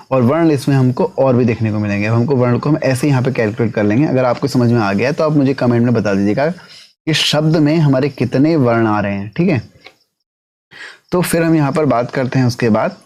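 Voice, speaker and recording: A man teaching an exam-prep lesson at a middling pitch. He asks questions and answers them himself, one after another. He keeps tagging his sentences with a short check-in question. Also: a little mellow. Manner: keeps adding tag question "है ना".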